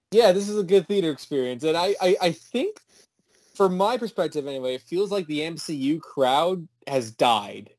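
A man co-hosting a casual chat, talking in an animated way and laughing often. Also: fairly high pitch, moderate pace, no echo, clean studio sound. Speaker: co-host.

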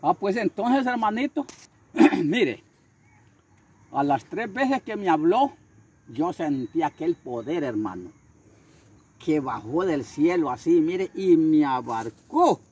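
Older guy preaching, husky, pitch jumps all over, crickets chirping behind. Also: very animated, slow, long pauses. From Honduras. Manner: fervent, repeats phrases, acts out voices in his story. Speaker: street preacher. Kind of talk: storytelling interview.

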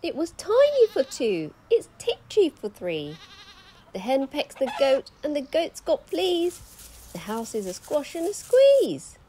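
A fretful little old lady from a storybook, wailing in shrill, high squeaks that leap all over the place, as a woman puts her on. She pleads and frets, drawing out her cries slowly and loudly. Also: wildly swooping pitch, heavily acted, low-quality recording. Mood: frantic. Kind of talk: storybook reading.

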